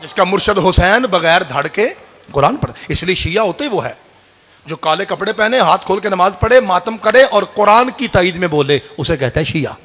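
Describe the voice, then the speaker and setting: A man preaching a sermon, fiery and addressing the crowd directly, rising to shouts. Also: high-pitched, lively intonation. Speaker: preacher at a religious gathering. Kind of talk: sermon with call-and-response. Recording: long hall reverb.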